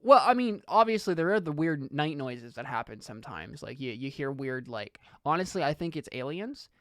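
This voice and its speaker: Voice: medium pitch, very animated, moderate pace, no echo, close to an everyday voice. A player voicing a friendly, rambling boy at summer camp who chews bubble gum. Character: chatty gum-chewing boy camper.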